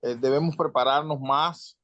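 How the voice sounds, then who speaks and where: A man from Venezuela giving an earnest, measured comment in an online panel, pausing with fillers. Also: mid-range voice, fairly even intonation, a bit bright, no room sound. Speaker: audience member asking. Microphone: video call. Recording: dull lo-fi video call audio.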